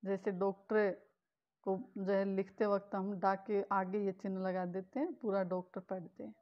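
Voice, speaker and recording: A woman teacher giving a patient grammar lesson to students, explaining slowly and repeating key points. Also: mid-range voice, flat delivery, lo-fi sound. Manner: slow, patient explaining with repetition.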